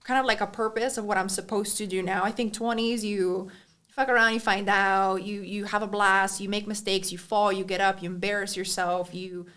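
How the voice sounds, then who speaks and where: A woman's voice: mid-range voice, level tone, moderate pace, fairly bright tone, smooth. A woman in her thirties, a guest on a podcast, chatting casually and reflectively and asking questions. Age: 30s.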